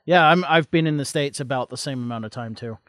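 Mid-pitched male host, dry close recording, stop-start questioning. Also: fairly bright tone, dry recording. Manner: halting, many restarts and fillers. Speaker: interviewer host. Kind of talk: conversational interview.

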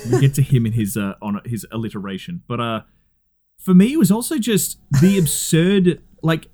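A man co-hosting a casual podcast chat, animated and quick to play out scenes in silly voices. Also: mid-range voice. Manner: animated, does silly character voices when retelling. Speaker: podcast co-host.

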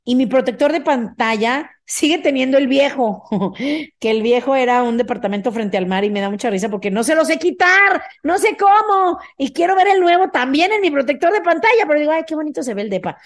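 A middle-aged woman with a Mexican accent hosts a motivational podcast in a high, bright-pitched voice. She talks with punchy emphasis and keeps tossing a quick "ok?" to her listeners. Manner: energetic, emphatic, often asks "ok?". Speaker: podcast host.

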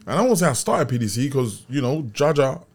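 Male, South London accent, mid-pitched voice, slangy and conversational interview guest recounting his own story. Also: very animated, brisk. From Brixton, south London. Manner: street slang, frequent checking tags.

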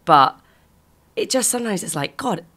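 A British woman in her twenties with a croaky voice left by a virus, chatting candidly and a little haltingly. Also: fairly low pitch, expressive, sharp tone. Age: 20s. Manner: candid, halting, frequent swearing. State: lingering croakiness after a virus. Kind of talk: casual intimate chat.

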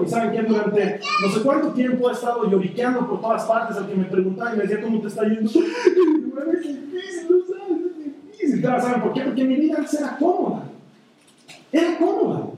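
A man preaching a sermon, telling personal stories in an earnest way and often dropping into a soft, quiet voice. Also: high-pitched, slight background noise. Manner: earnest, personal storytelling with sudden soft drops. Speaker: pastor. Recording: echoey hall, voice from far off.

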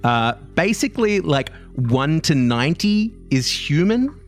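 A man's voice: on the high side, big pitch swings, unhurried. Man, game master, casual rule explaining, chatty, faint music underneath. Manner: chatty, filler-heavy explaining.

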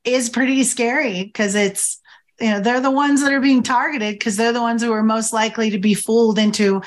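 Upbeat, higher-voiced woman host. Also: steady tone, moderate pace. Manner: upbeat, introduces guests. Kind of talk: casual panel chat.

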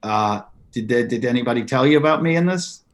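A man's voice: medium pitch, a little fast. A man in his forties, a comedian guest on a podcast, telling stories and acting out quotes. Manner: animated storyteller acting out quotes. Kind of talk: podcast interview.

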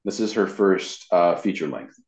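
Speaking as an interview guest, a voice actor and web designer rambles casually through stories from his work. He sits low in pitch, a little mellow, with big swings in pitch and a moderate pace. The audio is lo-fi, dull and roomy.

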